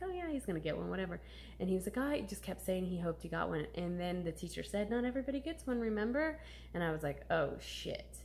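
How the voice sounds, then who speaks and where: A woman's voice: on the low side, gravelly. A woman in her thirties talking candidly and emotionally in a personal vlog, swearing casually as she confides. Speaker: vlogger.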